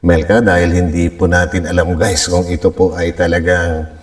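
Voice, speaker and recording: A man hosts a casual reaction vlog in a very low, deep voice. He talks politely and rambles, filling gaps with hesitations. The mic sits some distance from him. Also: level tone, moderate pace. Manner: polite, rambling, many fillers. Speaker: reaction vlogger host.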